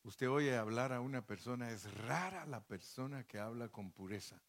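A man's voice: mid-range voice, moderate pace. A male pastor preaching a sermon in a folksy, joking way, full of rhetorical questions and asides to the congregation.

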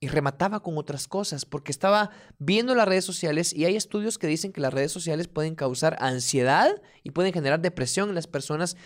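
A man co-hosting a casual conversation with his partner, explaining things calmly and listing examples. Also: a little high, fairly quick, hardly any pauses. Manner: calm, explanatory, lists examples. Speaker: podcast co-host.

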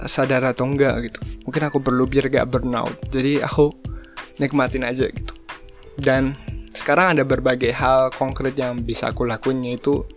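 A young man hosting a casual solo podcast, talking in a relaxed way and slipping in English phrases. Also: medium pitch. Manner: relaxed, mixes English phrases, frequent fillers. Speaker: podcast host.

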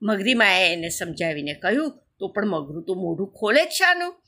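A woman narrating a children's story in a lively, expressive way. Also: mid-range voice, normal speed.

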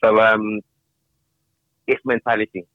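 Man, very low voice, reflective, hesitant, repeats words, dull dry recording. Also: little pitch movement, a little slow, dry recording. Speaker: guest. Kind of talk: casual podcast conversation.

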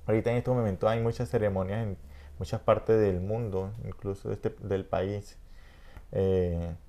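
A man's voice: lowish voice, steady tone, moderate pace, dark tone. A middle-aged man with a Venezuelan accent, hosting a podcast in a reflective, rambling conversational way. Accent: Venezuelan Spanish. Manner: reflective, rambling, frequent "¿entiendes?". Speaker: podcast host. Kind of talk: casual conversation.

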